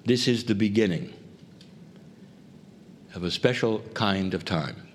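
A man giving a spiritual channeled talk to a group, speaking in deliberate, solemn phrases with pauses. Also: on the low side, animated. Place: live before a group. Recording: faint background noise.

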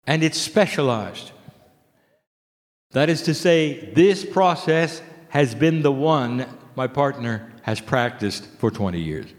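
A man giving a channeled spiritual address to an audience, declaiming in deliberate short phrases, in a reverberant hall. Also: medium pitch, lively intonation.

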